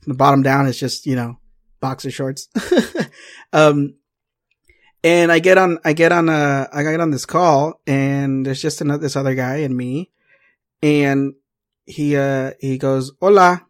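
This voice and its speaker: A man's voice: mid-range voice, fairly even intonation, a little slow. A man telling a story in casual chat, swearing and laughing often, switching between English and Spanish. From Mexico.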